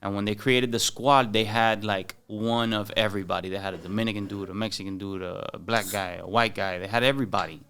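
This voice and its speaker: A young Miami man with a Cuban-American accent chats casually as a podcast guest, loose and slangy, mixing in Spanish words and lots of "like"s and "bro"s. His fairly low, a-bit-bright voice stays fairly even in intonation, moving a little fast with hardly any pauses over slight background noise.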